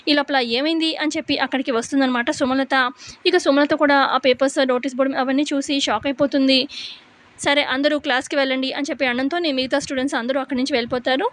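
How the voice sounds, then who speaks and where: Brief: chatty woman recapping TV episodes, high voice. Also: steady tone, fast. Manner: chatty, linking with repeated connectors. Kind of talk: casual spoken episode retelling.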